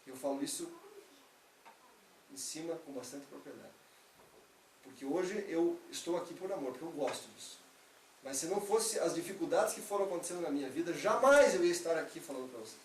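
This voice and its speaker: A man's voice: on the high side, slight background noise. A man from Brazil giving an earnest, conversational spiritist lecture, acting out everyday excuses as quotes. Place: lecture hall of a spiritist center. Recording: echoey hall, speaker far from mic.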